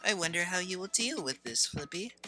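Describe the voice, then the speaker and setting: A man voicing an old male schemer in a game, talking in a sly, drawn-out taunting way. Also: high-pitched, lively intonation, bright, forceful tone, faint music behind, voice pushed up, heavily acted. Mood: gloating. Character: older male creepy schemer.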